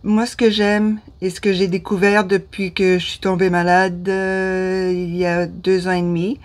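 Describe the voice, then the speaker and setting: Talking casually to camera from a small room indoors, this Ottawa woman in her fifties has a Canadian French accent and a fairly low voice with little pitch movement. She speaks at a measured pace but hesitantly, frequently losing her words and restarting.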